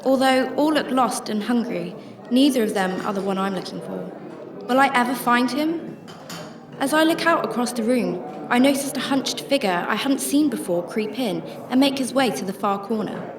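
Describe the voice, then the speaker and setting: A woman's fairly high, lively voice comes from far off the mic at a normal pace, with a crowd audible in the background and music playing in a roomy space. She is voicing a kind, troubled volunteer at a homeless shelter in a radio drama, narrating in first person and speaking dialogue with a reflective, worried tone.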